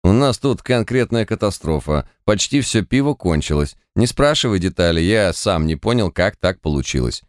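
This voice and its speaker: A man's voice: sits low, animated, moderate pace, few pauses, dry recording, studio quality. A man voicing a laid-back, teasing male squad leader in an audiobook. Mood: wry. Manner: offhand, teasing.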